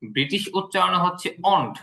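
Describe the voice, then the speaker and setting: Bright-voiced Bangladeshi man tutoring. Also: sits high, animated, normal speed, gravelly. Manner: patient, explains with many fillers. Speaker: English tutor. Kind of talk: explaining English pronunciation.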